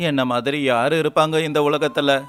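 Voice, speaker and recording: A man voicing a poor, humble fisherman in an animated storybook, speaking in an earnest, pleading way. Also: on the high side, moderate pace, clean tone, natural voice. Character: poor, humble young fisherman, despairing husband.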